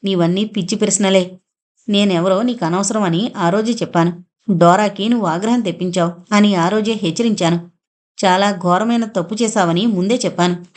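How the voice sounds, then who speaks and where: A woman doing a shrill, mocking old sorceress. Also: normal speed, a little mellow, lightly acted. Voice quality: thin, shrill voice. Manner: sarcastic, mocking. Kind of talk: audio novel reading.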